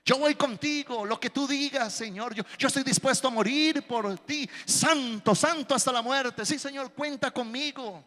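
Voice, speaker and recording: A preacher doing a hushed, impulsive disciple. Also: male voice, very high voice, normal speed, few pauses, long reverb tail, pitched above the performer's own voice. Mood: eager. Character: impulsive male disciple, pleading then eager.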